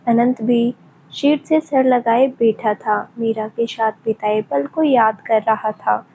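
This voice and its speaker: Woman reading a love story out loud, slow and soft, kinda high. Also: slight background noise, rough recording. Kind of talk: scripted story narration.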